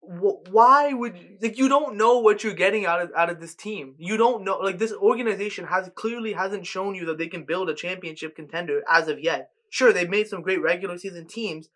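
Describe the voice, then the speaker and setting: Bright-voiced animated young podcast man. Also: high voice, a little fast, hardly any pauses. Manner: animated, ranting, lots of likes and restarts. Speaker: podcast co-host. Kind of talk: casual sports podcast chat.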